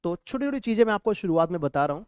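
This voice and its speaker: A man's voice: high voice, very animated, very fast, darkish tone, clear, resonant tone, no echo, clean studio sound. A man with an Indian accent teaching a live spoken English lesson, switching between Hindi and English, repeating example phrases and reading out viewers' comments.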